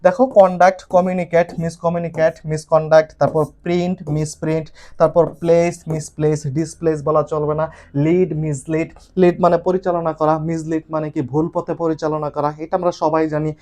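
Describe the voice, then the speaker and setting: A male English teacher lecturing a class, running through word pairs in quick lists and often checking in with his students. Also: on the high side, flat delivery, mellow.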